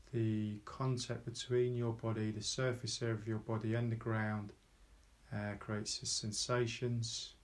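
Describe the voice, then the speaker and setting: Speaking slowly and softly at a medium pitch, a man guides a meditation. He stays calm and unhurried, pausing between short phrases.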